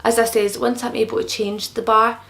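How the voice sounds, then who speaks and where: A woman's voice: fairly high pitch, little pitch movement, normal speed, fairly bright tone. A young woman in casual explanatory vlog talk, her speech slightly impeded and thick-tongued, as with a newly pierced tongue. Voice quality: creaky. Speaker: vlogger answering common questions.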